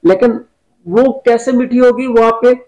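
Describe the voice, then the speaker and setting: A man's voice: very high voice, measured pace, highs cut off, a crowd in the background. A man, a business coach, giving motivational advice in an interview and repeating key phrases as he instructs.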